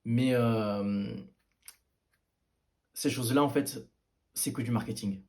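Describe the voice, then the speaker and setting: A man's voice: mid-range voice, slow pace, darkish tone. A man giving casual fitness advice straight to the viewer, talking informally and bluntly with frequent hesitations and restarts. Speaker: fitness video maker.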